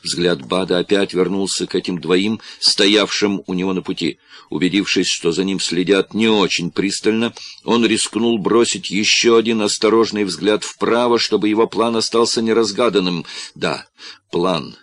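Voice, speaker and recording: A man narrating a tense story in an audiobook reading with measured delivery. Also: deep voice, steady tone, fairly bright tone.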